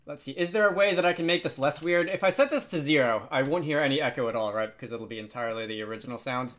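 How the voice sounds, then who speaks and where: A man hosts a casual software tutorial, speaking fast at a medium pitch. He thinks aloud hesitantly and drops in wry, self-deprecating asides.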